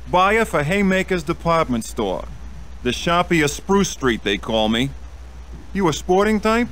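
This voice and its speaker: Brash, chummy American salesman, animated. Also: a little high, heavily acted. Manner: slangy, glad-handing salesman patter. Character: brash, chummy middle-aged American department store buyer and card sharp. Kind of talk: video game character acting. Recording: background noise and ambience.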